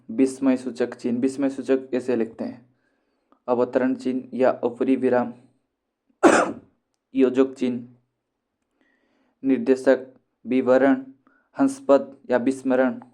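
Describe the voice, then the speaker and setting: A man with an Indian accent teaching Hindi grammar to students, explaining slowly and repeating key terms. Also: medium pitch, monotone, mellow.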